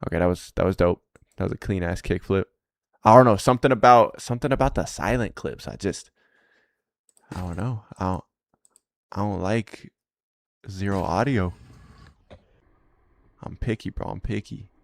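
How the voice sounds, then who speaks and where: A young American man with a slightly low voice, reacting casually as he talks. He sounds like a laid-back frat bro, loose and slangy, with easy swearing and plenty of bro and dude. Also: moderate pace, long pauses. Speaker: host reacting to viewer-submitted skateboarding clips.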